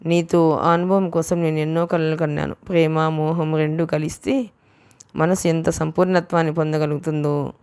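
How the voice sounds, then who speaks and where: Woman reading young man in love, audiobook, earnest, confiding, low voice, smooth. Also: little pitch movement, normal speed, darkish tone. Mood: tender.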